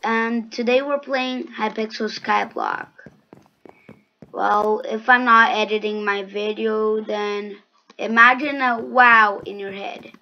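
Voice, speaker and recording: A woman's voice: mid-range voice, big pitch swings, slow, vocal fry, lo-fi sound. A woman hosting a gaming channel, giving casual gameplay commentary with sarcastic, grumbling asides.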